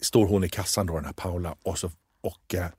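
A man's voice: low-pitched, slightly rough, dry recording, studio quality. A man telling a funny story in casual chat, acting out the people he quotes. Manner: animated, acts out quoted voices. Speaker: podcast co-host.

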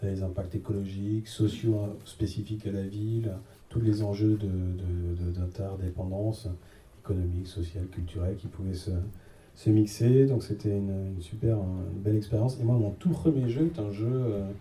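A man's voice: lowish voice, fairly even intonation, moderate pace, mellow. A man speaking as a panel guest, hesitant, searching for words and using many fillers. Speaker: game designer and panel guest. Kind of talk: casual panel talk. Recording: echoey room from a distance.

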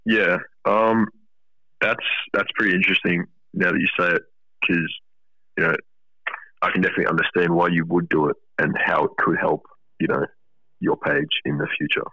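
A man's voice: deep voice, steady tone, normal speed, pauses often, pushed and bright, breathy edge, no echo. A teenage Australian male chatting casually, earnest, polite and grateful, over a dull lo-fi line. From Wollongong, Australia. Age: teens, about sixteen. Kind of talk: casual chat.

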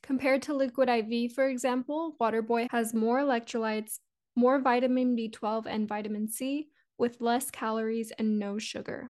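A woman's voice: fairly high pitch, steady tone, moderate pace, darkish tone. A woman hosting a business podcast, reading a scripted intro and asking friendly questions. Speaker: podcast host.

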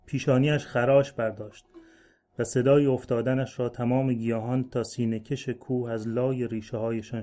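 A man reading a literary short story aloud in a measured, slow-building delivery. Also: mid-range voice, warm tone. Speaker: story reader. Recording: faint music bed under voice.

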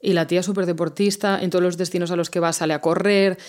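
A woman who works as a flight attendant, a guest in a casual interview, telling stories about her work in a chatty, animated way. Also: fairly low pitch, fast talker.

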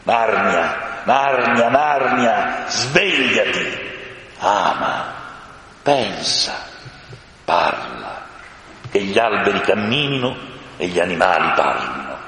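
A man voicing a majestic male lion, stern but joyful, speaking slowly and solemnly in an audiobook. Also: lowish voice, sing-song, pushed and bright, heavily acted. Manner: slow solemn proclaiming. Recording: reverberant room with faint hiss.

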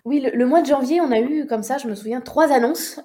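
A woman's voice: high voice, fairly quick, warm tone. A young woman recounting a personal story in an interview, hesitant, with many fillers and restarts. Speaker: guest.

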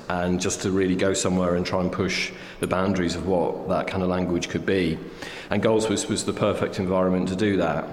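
An English man with a deep voice speaks as an artist guest in a reflective interview, set in a roomy hall with audible echo and faint ambience. He's thoughtful and hesitant, using many fillers.

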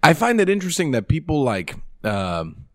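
A man's voice: a little high, huge pitch swings, normal speed, a bit bright. A young man co-hosting a podcast, chatting casually and asking curious questions. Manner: curious, asks questions, laughs easily. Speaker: podcast co-host. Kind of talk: casual chat.

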